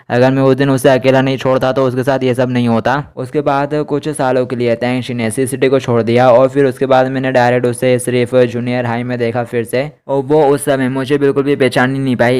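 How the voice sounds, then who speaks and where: A man narrating an anime episode recap, retelling the scenes and quoting the characters' lines in an even storytelling voice. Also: medium pitch, clean tone. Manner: fast, even storytelling with repeated stock phrases. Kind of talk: Hindi anime recap narration with quoted dialogue.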